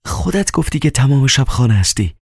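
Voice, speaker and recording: A man's voice: mid-range voice, sing-song, husky, dry recording, clean studio sound, pitched above the performer's own voice. A man voicing an anxious, lovesick young man who pleads in a trembling, childlike whisper. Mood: pleading. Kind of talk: audiobook character voice.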